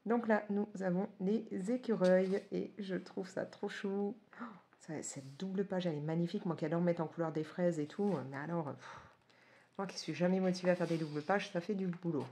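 Her voice is on the low side, warm and steady, at a normal speed: a woman from France in her forties casually reviews coloring books as she flips through them, gushing with lots of hesitations.

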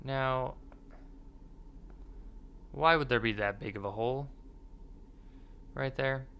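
A man's voice: medium pitch, slow, fairly bright tone, smooth. A man doing casual horror game commentary, muttering asides to himself and to the game and swearing now and then.

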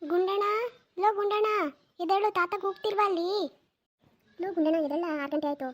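A loud, bossy village mother in a cartoon, as a woman voices her. She calls out briskly in a very high, quick voice. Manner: shouting, brisk. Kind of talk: cartoon voice acting.

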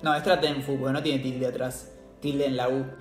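A man's voice: mid-range voice, flat delivery, moderate pace, reverberant, faint music behind. A man with an Argentine accent hosting a casual tasting vlog, chatty and slangy, laughing often. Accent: Argentine Spanish. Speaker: cooking channel host.

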